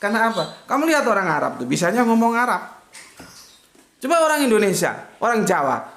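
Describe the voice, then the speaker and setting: A man's voice: sits high, very animated, fairly quick, a bit bright. A man hosting a casual online religious talk, reading viewer comments with joking, teasing asides and frequent chuckles. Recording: echoey room.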